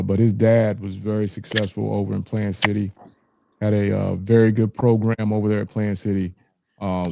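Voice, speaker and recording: A man's voice: on the low side, vocal fry, noisy background. A man hosting a casual, conversational interview. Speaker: interview show host.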